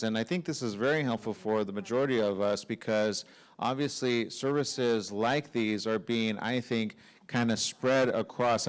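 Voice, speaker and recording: A man hosting a conference off the cuff, informal and rambling as he moves between speakers. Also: mid-range voice. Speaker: conference host introducing speakers. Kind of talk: unscripted casual hosting.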